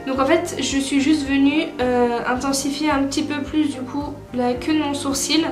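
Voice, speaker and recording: A woman's voice: high voice, steady tone, moderate pace. A young woman from France chatting casually through a makeup tutorial, with lots of fillers and self-corrections. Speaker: beauty vlogger. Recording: roomy echo with soft music behind.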